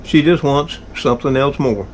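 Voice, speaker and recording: A man's voice: mid-range voice, moderate pace, a little hiss or hum, poor audio. A man with a Southern US accent hosting a casual home cooking vlog, folksy and exclamatory as he savors his food. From Southern United States. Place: home kitchen.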